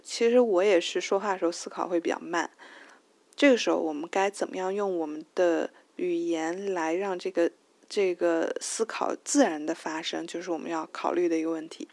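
A woman with a Chinese accent hosts a casual lesson on spoken English, pausing often with fillers and restarting her sentences. Her voice sits low and has a gravelly fry to it. The recording is dry and close, and she sings out stressed syllables when demonstrating rhythm. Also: steady tone, darkish tone, no echo. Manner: thinks aloud with many fillers and restarts. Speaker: host of language tips show.

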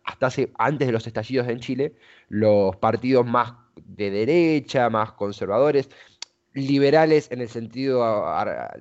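A man with an Argentine accent runs a conversational, radio-style interview in an expressive, unhurried, medium-pitched voice that's a little mellow. He's wordy and frequently searches for his words, and the recording sounds muffled.

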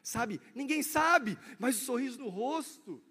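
A man with a Brazilian accent preaching a sermon as pastor, swinging between loud declarations and hushed asides. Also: very high-pitched, lively intonation, unhurried, slightly rough. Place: church. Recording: echoey church hall.

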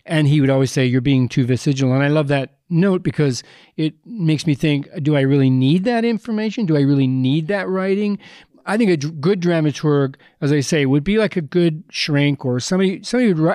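A man's voice: on the high side, a little fast, a little mellow, dry recording, studio quality. A man, a playwright guest, telling long rambling anecdotes with many self-interruptions. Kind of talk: conversational storytelling.

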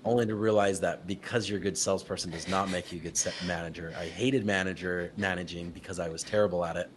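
A young adult man from Utah, a company founder as interview guest, telling his story in casual talk, lively and laughing often, acting out what people said. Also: sits low, fast, noisy background. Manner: animated, laughs often, acts out quotes.

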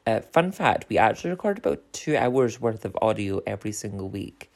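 A man's voice: on the low side, vocal fry. Scottish drag queen, playful, voice all over the place, echoey room. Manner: animated, playful, giggly. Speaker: podcast co-host, drag queen. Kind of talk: casual chat. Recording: roomy echo.

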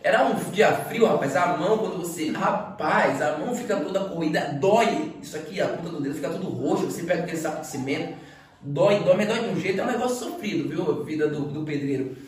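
An earnest Brazilian man from Bahia tells his story as a podcast guest, his voice sitting a bit high for a man. He is recorded from well back, in a very echoey room. He stumbles over repeated words as the memories press on him. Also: expressive, quick pace. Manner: earnest, acts out dialogue, repeats words when moved. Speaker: Portuguese teacher and school director, podcast guest. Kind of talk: emotional personal storytelling. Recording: very echoey room, voice far from mic.

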